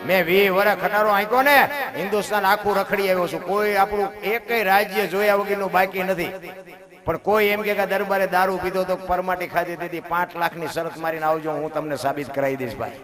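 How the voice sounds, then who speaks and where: A middle-aged man with a Kathiawadi Gujarati accent, giving an earthy, animated folk moral talk that swings between loud exclamations and low asides. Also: a little fast, over music. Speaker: folk speaker.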